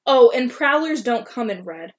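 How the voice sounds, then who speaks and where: A woman's voice: a little high, animated, moderate pace. A young woman reading her own old story aloud in an embarrassed, giggly way, acting out dialogue and adding casual self-mocking asides. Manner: voices dialogue animatedly.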